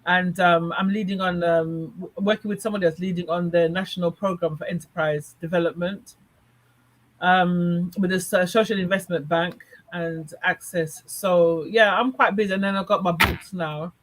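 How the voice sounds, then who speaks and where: A woman guest in casual conversation, chatty and quick to laugh, often restarting her sentences. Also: fairly low pitch, fairly even intonation, poor audio. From Jamaica. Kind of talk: casual chat.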